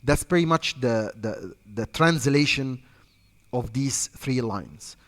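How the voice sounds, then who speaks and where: A sales trainer with an Egyptian accent gives an instructional talk to trainees in a reverberant hall. His mid-range, slightly bright voice has lively intonation and a slow pace, and his off-the-cuff coaching is repetitive and emphatic.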